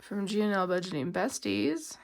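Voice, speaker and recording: A woman's voice: lowish voice, very animated, moderate pace, noisy background. A woman chatting casually while she counts cash, rambling with lots of fillers and congested from a cold. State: congested, coughing. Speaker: budgeting vlogger.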